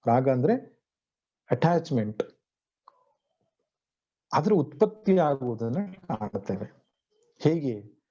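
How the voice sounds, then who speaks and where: A man's voice: a little high, lively intonation, unhurried, pauses often, dark tone, slightly rough. A man giving a devotional scripture discourse as a spiritual teacher. He chants Sanskrit verses and then explains them. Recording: dull lo-fi recording.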